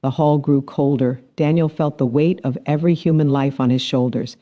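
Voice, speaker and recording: A man narrating a science fiction story in a measured, dramatic storytelling manner. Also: medium pitch, fairly even intonation, highs cut off. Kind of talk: scripted narration.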